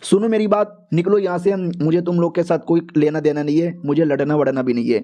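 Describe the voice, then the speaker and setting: A man voicing a cheeky, offhand young male hero in a cartoon recap, lower than his narrating voice. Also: fairly even intonation, a little fast, dark tone, natural voice. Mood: annoyed. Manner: offhand, cocky.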